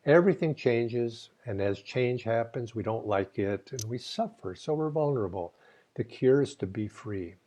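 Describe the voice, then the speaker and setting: A man's voice: medium pitch, expressive, normal speed. Thoughtful man giving a spiritual talk. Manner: thoughtful, meandering, gently earnest. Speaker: spiritual teacher. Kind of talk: weekly online spiritual talk.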